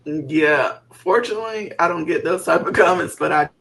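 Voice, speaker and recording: Guy in a casual group chat, highish voice, lots of creak. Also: moderate pace, bright, forceful tone, poor audio.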